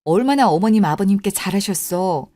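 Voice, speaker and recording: A woman's voice: medium pitch, lively intonation, normal speed, dry recording, studio quality. A voice actress playing a patient, placating daughter-in-law and mother in a radio drama. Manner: gentle, placating. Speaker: voice actor. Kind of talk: Korean radio drama acting.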